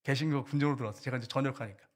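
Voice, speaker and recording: A man's voice: medium pitch, rapid-fire. An older man, a pastor, preaching and telling a story from his own life, acting out the voices of the people in it. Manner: animated storytelling, acting out quoted soldiers. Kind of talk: sermon testimony. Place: church.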